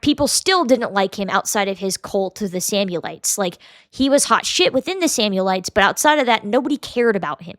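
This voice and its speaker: A young woman hosts a podcast in a casual, blunt style, swearing freely and breaking into short mocking impressions. Her voice sits at a middle pitch. The sound is dry and close, with no room echo. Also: fairly bright tone. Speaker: podcast host. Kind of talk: casual commentary.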